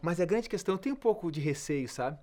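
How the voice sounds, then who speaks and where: A man's voice: fairly high pitch, lively intonation, fast, dark tone. A man, a biology teacher guesting in a casual chat, friendly and self-deprecating.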